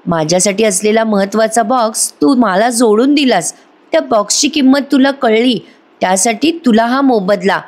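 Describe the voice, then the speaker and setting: A woman's voice: a little high, moderate pace, darkish tone, natural voice. A woman voicing a stern, proud elderly matriarch who speaks curtly. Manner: curt, brusque.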